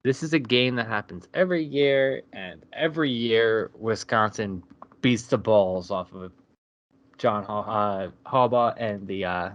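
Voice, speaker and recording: A man's voice: lowish voice, unhurried, fairly bright tone, lo-fi sound. A man co-hosting a casual sports betting podcast, laid-back and drawing out his fillers. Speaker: podcast co-host.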